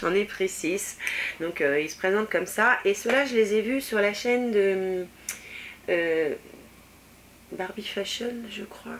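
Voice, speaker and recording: A woman's voice: medium pitch, a little slow, slight background noise. A woman chatting casually through a makeup haul, with lots of fillers as she swatches products on her hand. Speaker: beauty vlogger.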